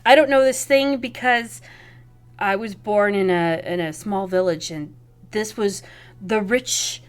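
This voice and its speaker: A woman's voice: mid-range voice, clear, resonant tone, lightly acted. A woman playing a shy, grateful sewer vampire girl. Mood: earnest. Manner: pleading, eager, halting.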